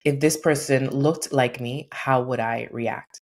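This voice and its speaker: Speaking unhurriedly in an extremely low voice with a breathy edge, this consultant in her forties shares stories as a video-call guest. She's earnest and animated, performing the quoted lines, with a painting hanging behind her at home.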